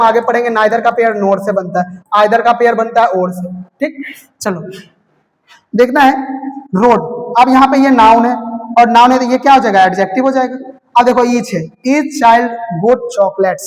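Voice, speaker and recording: A grammar teacher, giving an exam-prep lesson and repeating each key term as a question and its answer. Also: mid-range voice. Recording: long hall reverb.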